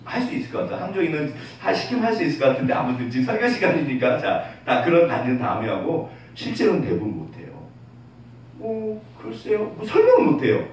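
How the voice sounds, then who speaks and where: Lively pastor preaching in an echoey church. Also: male voice, a little high, fast talker. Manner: lively, asks the congregation questions and answers them; drops to a soft hush when quoting God. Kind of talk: sermon. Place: church sanctuary. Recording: very echoey, distant, faint room noise.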